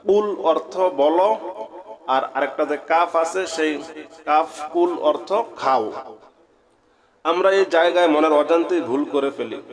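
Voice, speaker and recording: A man gives a religious lesson on Quran recitation, with a fairly high voice and a very slow pace. He spells out the Arabic letters one at a time, then recites them in a long, drawn-out chant. His tone is earnest and warning throughout.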